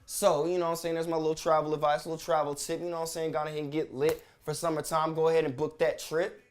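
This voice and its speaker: A young man hosting his own commentary vlog, talking in casual slang and swearing often, sometimes breaking into loud angry rants. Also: a little high, flat delivery, quick pace. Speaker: vlog host.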